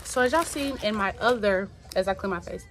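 A woman's voice: medium pitch, a little fast, slight background noise. A woman in her twenties from Tennessee, chatting casually and rambling through a story while doing a self-care routine. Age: 20s. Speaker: vlogger. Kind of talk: casual chat.

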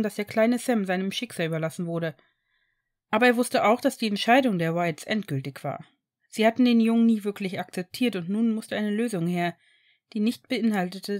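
A woman reading a novel aloud in steady, scripted storytelling narration. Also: medium pitch. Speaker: audiobook narrator.

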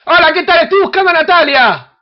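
A host with an Argentine accent, brashly teasing and shouting insults at strangers in a crude comedic video chat. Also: very high voice, animated, fast. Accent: Argentine Spanish. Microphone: computer webcam mic. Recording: dull lo-fi webcam audio with faint hiss.

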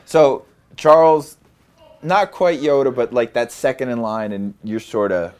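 A man's voice: medium pitch, measured pace, darkish tone, clear, resonant tone. A man co-hosting a podcast, talking in a loose, joking way with lots of fillers. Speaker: podcast co-host. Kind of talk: casual chat.

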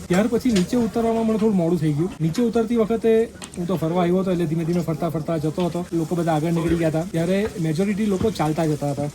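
A man with a high, fast-moving voice tells a heartfelt personal story, earnest and reflective with a gentle emotional edge. He is recorded outdoors at a mountain site with steady noise behind him. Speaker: pilgrim telling a personal story.

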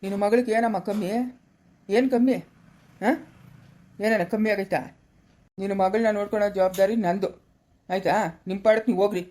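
A woman with a rural Karnataka accent, playing a harsh in-law who scolds loudly in a family drama skit. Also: medium pitch, fairly even intonation, fairly quick, long pauses, lightly acted. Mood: stern. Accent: rural Karnataka Kannada. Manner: scolding, loud and cutting.

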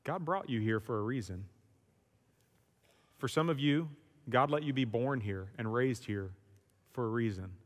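A man's voice: medium pitch, measured pace, long pauses. Man preaching in a reverberant church. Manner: emphatic, conversational preaching. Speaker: pastor. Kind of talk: sermon. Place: church sanctuary. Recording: long church hall reverb.

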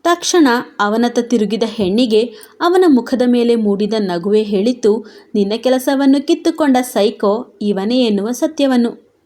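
A woman narrating her own romance story for an audio channel, in a smooth, even reading style. Her voice sits on the higher side for a woman. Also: a little slow.

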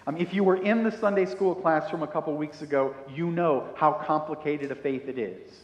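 A man in his fifties, a pastor preaching a sermon on a headset mic, slow and emphatic, asking the congregation questions. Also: a little high, highs cut off. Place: church sanctuary in front of a brick wall. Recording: roomy hall echo.

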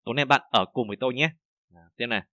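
A man with a Vietnamese accent teaching a language lesson, reading example sentences slowly and then explaining them in a casual, chatty way. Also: mid-range voice, sharp tone, no echo. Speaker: Chinese teacher.

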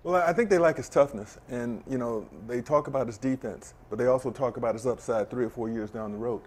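A middle-aged man, a former player, chatting as a guest on a TV sports show, explaining his views in a measured way with examples. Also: medium pitch, a little mellow. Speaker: guest, former basketball player and camp director. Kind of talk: casual studio chat. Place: TV sports studio set.

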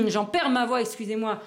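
A woman's voice: fairly high pitch, unhurried, a little mellow. A woman hosting a board game unboxing video, chatting casually and thinking aloud as she handles the pieces. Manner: chatty, thinks aloud while handling items, small laughs.

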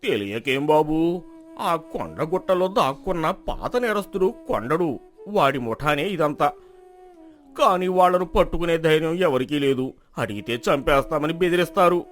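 An actor playing an older village elder who speaks in a slow, resigned way. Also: male voice, on the high side, expressive, faint music behind, natural voice. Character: weary old village elder, resigned and gloomy. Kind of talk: storybook drama acting.

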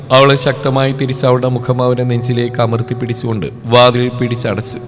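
A man of middle pitch tells a romantic story in a heartfelt, dramatic reading voice. His sentences fall in short, measured beats. The voice rings with a long reverb, and faint music plays underneath. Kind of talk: scripted romance story narration. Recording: long reverb over soft background music.

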